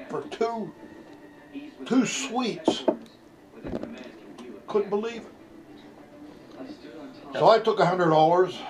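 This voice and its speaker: A man's voice: a little high, rough recording. An older man with a grandpa voice tells a casual, rambling family anecdote in a folksy, salty way. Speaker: grandfather telling family stories.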